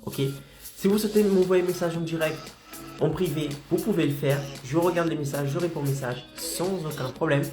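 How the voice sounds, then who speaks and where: Music plays in the background of an echoey room as a man with a slight head cold delivers motivational coaching to freelancers on a live stream. His voice is a little high and a little fast, and he constantly checks in with "d'accord?" and "ok?".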